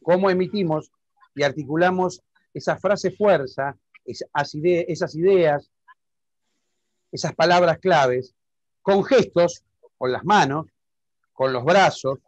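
Long pauses punctuate this slow online public-speaking lesson from a man whose Argentine Spanish accent and high-leaning voice come through a dry recording with the highs cut off. He builds his explanation step by step, regularly confirming the listener understands.

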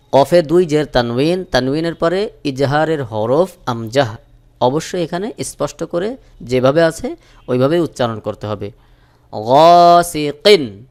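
Male Quran teacher from Bangladesh, unhurried and smooth-toned, spells each letter before chanting the verse. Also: medium pitch, darkish tone. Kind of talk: slow spelled-out Quran recitation lesson.

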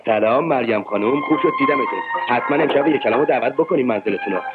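A man's voice: medium pitch, close to an everyday voice. A man playing a teasing young bank manager. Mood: playful. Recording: tinny old film soundtrack with music.

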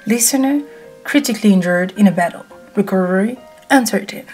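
A woman reading fanfiction aloud as storybook narration, at a calm, steady pace. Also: medium pitch, a little fast, faint music behind. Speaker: fanfiction reader.

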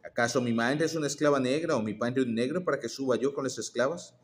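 A man's voice: mid-range voice, quick pace, natural voice. A man reading the lines of a proud young princess in disguise, in a haughty tone.

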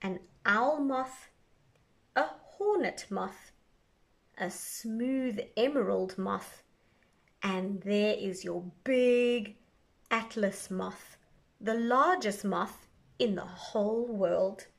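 This woman teacher has a gravelly, medium-pitched voice. She reads an educational children's book aloud, measured and instructional, with careful enunciation.

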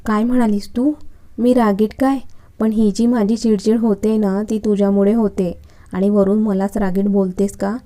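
A woman's voice: mid-range voice, flat delivery, normal speed, warm tone, lightly acted. A woman reading the lines of a short-tempered young male college lecturer in a storybook romance, speaking in an irritable, scolding way. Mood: irritated.

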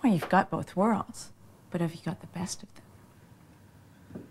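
A woman's voice: lowish voice, fairly quick, a little mellow, a little hiss or hum, close to an everyday voice. An actress playing a frank, sardonic young woman visiting an apartment, in film dialogue.

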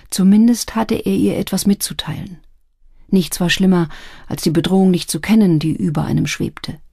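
A woman narrating an audiobook in calm, scripted storytelling. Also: lowish voice, vocal fry, husky, no echo. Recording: dry close studio sound.

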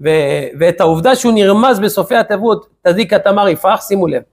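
A man, a rabbi, giving a weekly Torah lesson as a lively storyteller who keeps asking his listeners rhetorical questions. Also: high voice.

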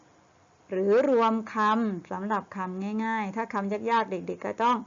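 Middle-aged woman teacher, patient and slow with fillers, muffled lo-fi sound. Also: medium pitch, flat delivery, vocal fry. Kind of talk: online primary school lesson. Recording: muffled lo-fi audio.

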